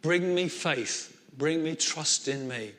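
A man voicing a calm, coaxing fatherly god. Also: on the high side, takes it slowly. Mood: gentle. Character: patient fatherly deity, gently questioning. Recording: long reverb of a hall.

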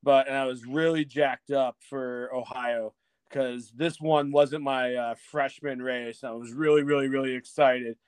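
A man's voice: medium pitch, steady tone, unhurried, clean tone, dry recording. A middle-aged man, a guest on a podcast, telling a rambling story in a self-mocking way, laughing and swearing freely and acting out what others said. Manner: rambling with restarts and acted-out dialogue. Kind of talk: casual storytelling chat.

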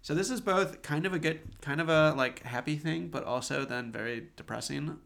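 A man's voice: fairly high pitch, normal speed, creaky, a bit bright. A man in his twenties co-hosting a sports podcast, wry and pessimistic as he rattles off stats in casual chat. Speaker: podcast co-host.

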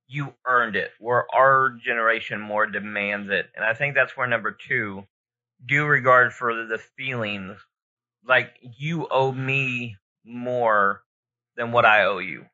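A man's voice: mid-range voice, measured pace, pushed and bright. A man co-hosting a podcast in casual, informal chat, rambling and thinking aloud as he gives his opinions. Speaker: podcast co-host. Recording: dull lo-fi audio.

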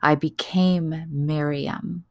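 A woman giving a dramatic, reverent reading of a narrative poem, hushed and lingering on words. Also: sits low, fairly even intonation, extremely slow, creaky, no room sound, studio quality.

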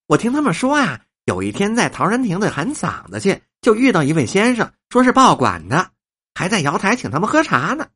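A man voicing a fussy, flattering old woman in a storybook reading, with a husky voice. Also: a little fast, full character voice. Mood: gushing. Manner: shrill, gushing and flattering.

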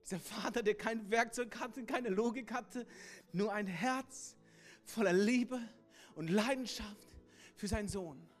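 A man preaching a sermon as a pastor, telling a story dramatically and dropping suddenly quiet before swelling loud again. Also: high-pitched, measured pace, faint music behind.

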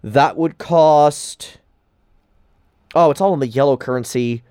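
A man's voice: a little high, measured pace, a little mellow, clear, resonant tone. A man co-hosting a casual gaming podcast, frank, thinking aloud as he works through numbers. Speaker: podcast co-host.

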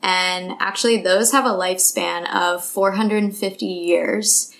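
A woman's voice: medium pitch, steady tone, measured pace, creaky, fairly bright tone. A woman co-hosts a podcast with a bubbly, upbeat manner. Her voice sits in a middle range, and she chats casually and reads a sponsor spot. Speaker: podcast co-host. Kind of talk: casual podcast chat with ad read.

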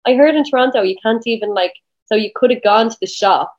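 An Irish woman in a casual chat as a guest, talking fast and loose with lots of "like" and plenty of swearing. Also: fairly high pitch, a little mellow, lo-fi sound. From Ireland. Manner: rapid, chatty, peppered with swearing and "like". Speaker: guest, spray tan business owner.

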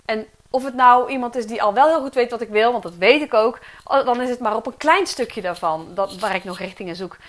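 A woman's voice: on the high side, a little fast, fairly bright tone. A middle-aged woman with a Dutch accent, a coach talking through a personal podcast monologue in an earnest, reflective way, with many fillers and restarts. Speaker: podcast host and career coach.

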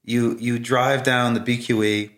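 A man's voice: medium pitch, flat delivery, measured pace, fairly bright tone. A man talking casually and reflectively as an interview guest. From Brooklyn, New York.

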